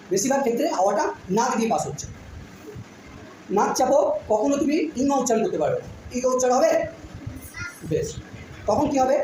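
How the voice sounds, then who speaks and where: Female teacher, patient drilling delivery, recorded in a very echoey room with audible background noise. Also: high voice. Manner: patient, repeats sounds slowly, checks understanding often. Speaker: school teacher. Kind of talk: classroom phonetics lesson.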